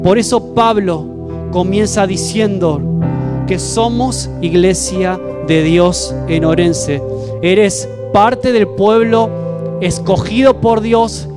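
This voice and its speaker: A man's voice: sits high, slow pace. A male pastor, preaching a fervent sermon to his congregation and praying aloud. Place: church service. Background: soft keyboard music.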